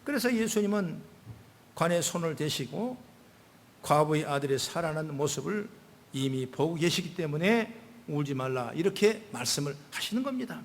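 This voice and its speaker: An older man, a pastor, preaching a sermon with swings between loud emphatic calls and soft low asides. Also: animated, moderate pace. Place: church sanctuary. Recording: long hall reverb.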